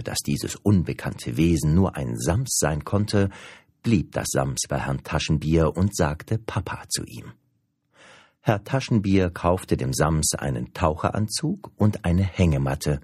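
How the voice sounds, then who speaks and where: A man narrating a children's audiobook in a lively, expressive way. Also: extremely low pitch, slightly rough, no echo, studio quality.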